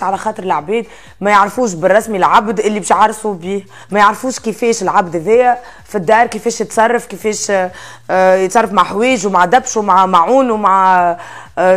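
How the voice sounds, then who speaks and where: Rapid-fire Tunisian woman in her thirties. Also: mid-range voice. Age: 30s. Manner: lively, mixes in French phrases, laughs often. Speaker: interview guest, influencer. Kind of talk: casual interview chat. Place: indoor studio set with armchairs.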